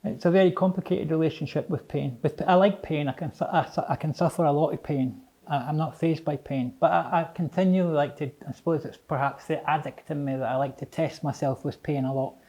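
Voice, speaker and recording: A middle-aged man with a Scottish accent and slightly slurred, toothless articulation, speaking reflectively and haltingly in an interview, often repeating phrases. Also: on the high side, steady tone, warm tone, highs cut off. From Edinburgh, Scotland. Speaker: interviewee, English teacher.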